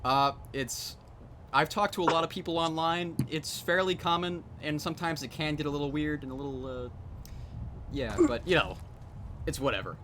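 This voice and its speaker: A man's voice: a little high, normal speed. A young man hosting a game stream, chatting casually in a rambling, joking, self-deprecating way. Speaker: host and mod creator. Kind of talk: casual chat while playing a game. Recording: steady background noise.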